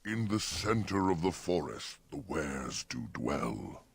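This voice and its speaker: A man voicing an ancient, gentle, solemn talking oak tree in a fantasy game, speaking archaic rhyming couplets. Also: a bass voice, very animated, takes it slowly, vocal fry, breathy edge, dry recording, heavily acted. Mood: somber, reflective.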